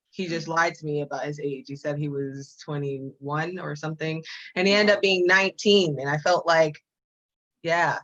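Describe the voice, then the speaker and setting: A woman's voice: low-pitched, a bit bright. A woman co-hosting a casual live-stream chat, telling stories chattily. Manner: chatty, storytelling. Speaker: co-host. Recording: dull, lo-fi sound.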